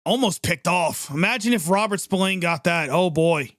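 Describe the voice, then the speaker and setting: A man with a fairly high voice gives live play-by-play reaction commentary, excitable and chatty and quick to react to every play. The sound is dry and close, with no room echo. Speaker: livestream sports reaction host.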